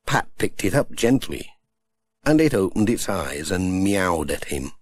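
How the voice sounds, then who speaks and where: Slow, husky storybook narrator, a man. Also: deep voice, big pitch swings. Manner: gentle, unhurried storytelling. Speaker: audiobook narrator. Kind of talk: children's storybook reading.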